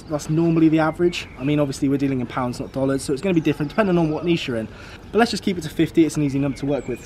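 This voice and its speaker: Fast-talking young British man outdoors. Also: a little high, darkish tone, slight background noise. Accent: British English. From United Kingdom. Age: 20s. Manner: upbeat, fast, repeats key numbers. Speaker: vlogger. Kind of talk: casual motivational vlog. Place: outdoors beside a car.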